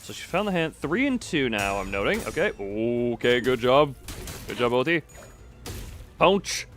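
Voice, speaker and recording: Over game music, a man provides casual livestream game commentary in a medium-pitched, very animated, fairly bright voice at a measured pace. He thinks aloud in a rambling way, often trailing off mid-sentence.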